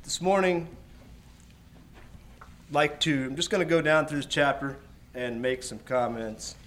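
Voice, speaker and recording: A man preaching a sermon in a church, explaining Scripture slowly with emphatic repetition. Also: fairly high pitch, steady tone, fairly bright tone.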